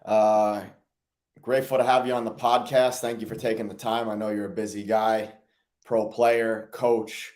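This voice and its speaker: A man's voice: fairly low pitch, little pitch movement, moderate pace, darkish tone. A man hosting a podcast, asking questions in a laid-back way with casual slang and fillers. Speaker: podcast host. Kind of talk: casual interview talk.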